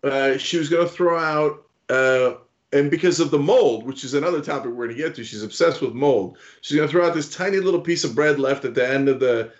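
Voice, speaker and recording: A man's voice: medium pitch, a little fast. An older man with a New Jersey accent hosting a talk show, telling stories in a rambling, playful way. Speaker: podcast host. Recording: dull lo-fi remote audio.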